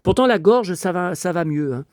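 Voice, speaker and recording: A man in his fifties with a slightly high voice, hoarse from a lingering cold. He chats in a rambling, nostalgic way, full of little asides, as he shows off his collection at home. The sound is dry and close, with no room echo. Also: animated, moderate pace. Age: 50s. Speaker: collector showing his memorabilia. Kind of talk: casual collection show-and-tell.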